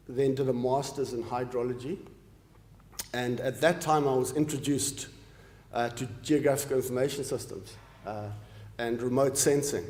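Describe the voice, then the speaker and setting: A man in his late forties from Zimbabwe delivers a formal lecture in an earnest way, pausing on ums and restarting his phrases. His voice sits at an ordinary middle pitch. The sound is roomy, with a long reverb from a large hall. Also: darkish tone. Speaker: professor giving an inaugural lecture.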